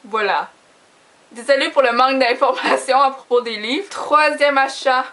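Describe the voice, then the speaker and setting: Her high voice sounds pushed and bright as she speaks at a moderate pace. A young adult with a Quebec French accent, she vlogs about books to camera in a casual, giggly, self-deprecating way.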